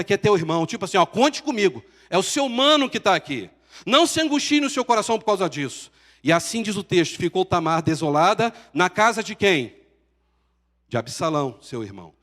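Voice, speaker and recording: High-voiced Brazilian pastor preaching in a hall. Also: male voice. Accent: Brazilian Portuguese. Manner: preaching with dramatic pauses and rising emphasis. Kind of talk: sermon. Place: church hall.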